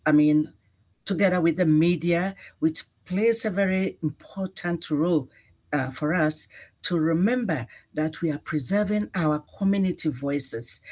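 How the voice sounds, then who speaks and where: A woman in her sixties from Ghana, answering radio interview questions in an earnest, measured way with frequent fillers. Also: deep voice, a little mellow. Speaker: executive director, guest.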